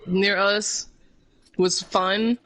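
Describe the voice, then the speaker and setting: A man's voice: high-pitched, level tone, very slow, bright, forceful tone. A young man streaming a game, chatting casually and swearing often, with frequent laughs. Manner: laid-back, profane, laughs often. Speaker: gaming streamer. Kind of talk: casual chat while gaming.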